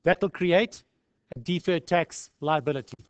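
A South African accounting lecturer teaches in an informal, conversational tutorial style full of rhetorical questions. His voice is on the high side and smooth, delivered at a normal speed.

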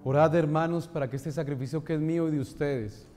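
With faint music behind him, a priest whose voice sits on the high side preaches and prays solemnly in short, measured phrases. His warm, fairly even tone echoes through the stone-walled church's long hall, reverberating around the altar and lectern.

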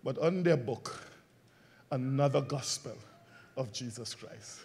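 A male pastor delivers a sermon slowly in a husky voice, posing call-and-response questions to his congregation. His delivery swings from loud, emphatic lines to quiet, low ones.

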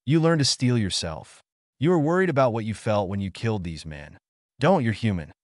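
A man reading as a calm, kind ninja teacher. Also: on the low side, fairly quick, no echo, studio quality. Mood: comforting. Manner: gentle, comforting.

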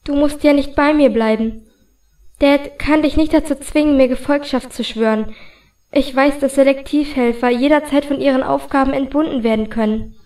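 Give me a high-pitched woman reading a novel aloud in a calm, steady storytelling voice. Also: moderate pace. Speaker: audiobook reader. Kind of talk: first-person audiobook narration.

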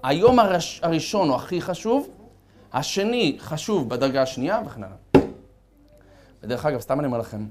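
Animated male rabbi telling stories. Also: fairly high pitch, pauses often, very noisy. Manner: animated storytelling, acting out characters. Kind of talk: sermon.

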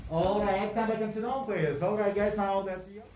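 A woman English teacher leading a class of young children, giving slow repeated prompts and quick praise. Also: medium pitch, fairly even intonation, dark tone, reverberant, a little hiss or hum.

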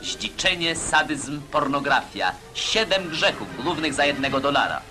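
A man's voice: a little high, very animated, a little slow. A man narrating an old newsreel in a declamatory, emphatic propaganda delivery. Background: music.

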